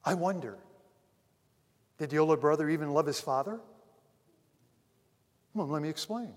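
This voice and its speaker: A pastor preaches with a high voice that rings out in a large hall with a long reverb. He swings from ringing emphasis to almost hushed asides, addressing the congregation as dear friends. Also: expressive, normal speed. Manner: dramatic swings between loud emphasis and near-hushed asides. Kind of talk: sermon.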